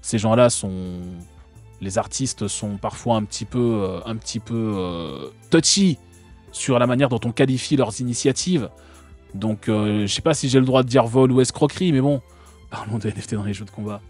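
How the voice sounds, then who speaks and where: A man's voice: mid-range voice, normal speed, a little mellow, faint music behind. A man from France hosting a live stream, talking casually and sarcastically with many fillers and restarts.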